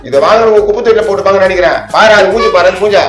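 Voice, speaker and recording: Puzzled middle-aged cartoon father, grumbling, played by a man, fast talker, roomy sound, music bed. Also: high voice, steady tone, lightly acted. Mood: chatty. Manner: muttering, grumbling to himself. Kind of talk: fan-made cartoon dub.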